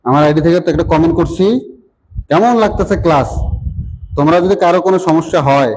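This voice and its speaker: A man's voice: medium pitch, a little mellow, low-quality recording. A man teaching an online grammar class, explaining letters and often checking that students understand.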